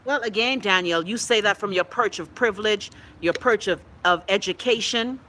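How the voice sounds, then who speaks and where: Over a little hiss or hum, a middle-aged woman from the Bahamas speaks at a moderate pace in a mid-range voice, her Bahamian accent clear as she hosts an online show. Reading viewer comments out loud, she fires back blunt, animated answers full of swearing, interrupted by coughing fits, in a casual live-stream style.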